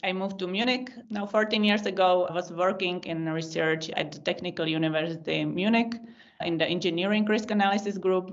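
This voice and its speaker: A woman in her thirties from the Czech Republic, a data science team lead, appears as a podcast guest and gives casual interview answers in a Czech accent. Her low-pitched, gravelly voice lays out her work in long, thoughtful lists with small restarts. The audio is lo-fi video call sound.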